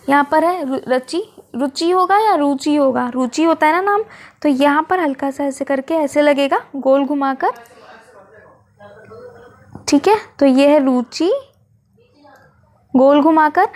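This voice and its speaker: A woman teacher walking children through a worksheet, patiently asking questions and answering them herself, and sounding out sample words slowly and carefully. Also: sits high. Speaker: school teacher. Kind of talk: online worksheet lesson for children.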